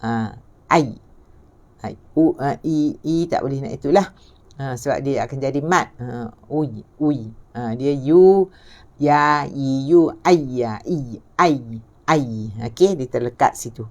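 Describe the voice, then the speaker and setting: A woman's voice: extremely low pitch, slow pace, a little mellow. A middle-aged Malaysian woman teaching Quran pronunciation, patiently repeating sounds and asking checking questions. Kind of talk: tajwid lesson on letter pronunciation.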